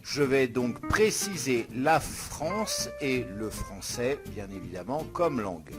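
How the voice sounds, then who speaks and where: A man hosting a step-by-step software tutorial, talking the viewer through each click in an informal, direct way. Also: medium pitch, animated, slow. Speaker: YouTube tutorial host. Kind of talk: screen-recorded software tutorial. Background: soft guitar music.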